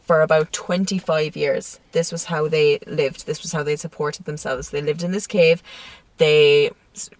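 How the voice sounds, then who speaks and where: A woman's voice: low-pitched, steady tone, normal speed, few pauses, no echo, far from the mic. A woman co-hosting a casual true-crime podcast, telling the story with frequent laughs and swearing. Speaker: podcast co-host. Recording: dry sound, set back from the mic.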